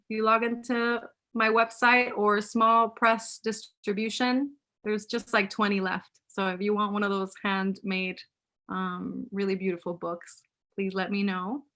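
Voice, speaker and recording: A woman author from Puerto Rico chats informally with her audience on a video call, taking their questions in a live Q&A. She speaks at medium pitch, level and unhurried, with a sharp tone, laughing often and weaving in Spanish words.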